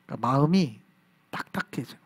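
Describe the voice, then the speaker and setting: A man from South Korea, a pastor preaching an animated sermon at a Friday prayer service in church. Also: medium pitch, a little fast, slightly rough. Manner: animated preaching, acts out voices and reactions. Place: church sanctuary.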